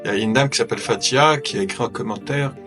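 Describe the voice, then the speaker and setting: A man with a mid-pitched voice hosts a therapeutic interview. He probes gently and mirrors back what he hears, with soft music underneath. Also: fast talker. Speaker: host counselling a guest.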